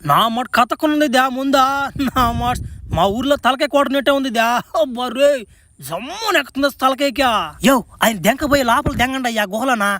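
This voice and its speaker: High, fast-talking rustic man. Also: sharp tone. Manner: rustic, profane, rapid banter. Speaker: cartoon voice actor playing the Flash. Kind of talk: crude comic cartoon dubbing.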